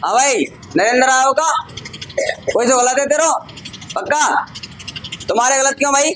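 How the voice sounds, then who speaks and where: A male teacher leads a grammar lesson in a classroom, his voice very high for a man. He keeps checking with the students, calling them brother and son. A faint hum of the room sits behind him. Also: normal speed, fairly bright tone, poor audio. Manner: addresses students as "bhai" and "beta", asks frequent check questions.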